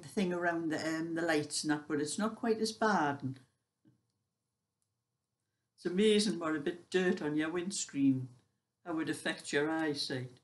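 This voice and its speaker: Chatty British woman in her seventies. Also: sits low. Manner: rambling, conversational storytelling. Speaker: vlogger sharing everyday life. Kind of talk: casual chat.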